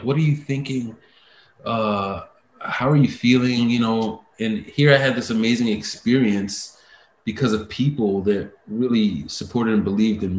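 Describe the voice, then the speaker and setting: Low voiced guy telling stories on an interview, lots of um and you know, roomy echo, faint background hum. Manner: animated, laughs often, many fillers and restarts. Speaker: guest, voice-over artist and actor. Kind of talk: casual interview storytelling.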